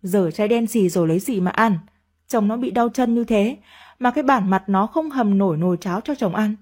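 A woman voicing a bitter elderly mother-in-law who scolds her daughter-in-law in shrill, nagging tirades. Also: brisk, darkish tone, natural voice. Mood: scolding.

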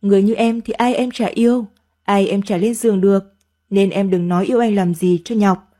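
Brief: a weary, evasive married man in a storybook reading, read by a woman in her own mellow voice. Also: mid-range voice, fairly even intonation, fairly quick, close to an everyday voice. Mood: irritated.

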